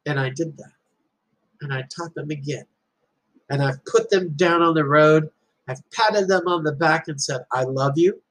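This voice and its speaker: A man's voice: on the high side, moderate pace, fairly bright tone, low-quality recording. A middle-aged man giving an earnest, emphatic talk, telling a personal story as a parent and repeating key lines for weight. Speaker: speaker addressing a group.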